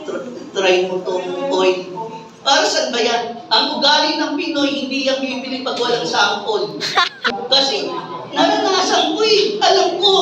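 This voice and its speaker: A man from the Philippines giving an animated motivational talk to an audience, acting out the dialogue as he tells his story. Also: very high-pitched, background noise. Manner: animated storyteller, acts out dialogue, laughs with the crowd. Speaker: speaker giving a testimony to an audience. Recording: echoey hall, mic from far off.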